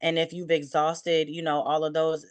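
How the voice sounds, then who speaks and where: A woman working as an insurance claims adjuster, giving steady advice as an interview guest and often saying "you know". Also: low voice, normal speed, dry recording. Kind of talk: interview conversation.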